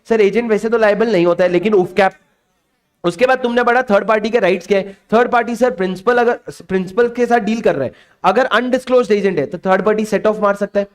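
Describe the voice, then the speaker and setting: A man's voice: high-pitched, smooth. A man with an Indian English accent teaching an exam revision lecture, coaxing students and repeating questions to them.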